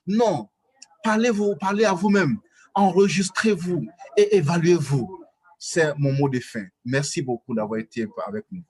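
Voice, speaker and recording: A man's voice: fairly high pitch, unhurried, darkish tone, breathy edge. A man with an Ivorian French accent giving earnest advice in a webinar, full of fillers and restarts. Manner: hesitant, many fillers and restarts, urging. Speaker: guest speaker.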